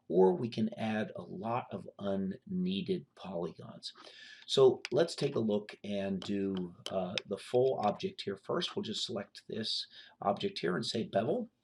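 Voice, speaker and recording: A man teaching a software modeling tutorial, talking in a relaxed, unscripted way with frequent fillers while he demonstrates. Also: on the low side, slightly rough. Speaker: instructor.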